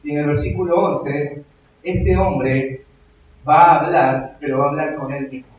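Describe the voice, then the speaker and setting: A young man with a Rioplatense Argentine accent preaches with emphasis, his fairly high voice swinging between quiet, close reflection and loud exhortation. He sounds far from the microphone in a very echoey church hall, and the recording is dull and muffled. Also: unhurried. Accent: Rioplatense Argentine Spanish. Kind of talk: sermon.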